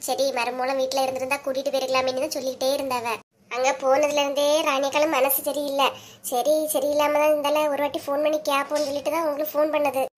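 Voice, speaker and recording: A high, girlish-sounding village woman voiced by a woman for a cartoon, with a thick Kanyakumari Tamil accent. She gossips, scolds and teases her relatives in a quick, chatty way. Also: level tone, close to an everyday voice. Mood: stern. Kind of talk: cartoon voice acting.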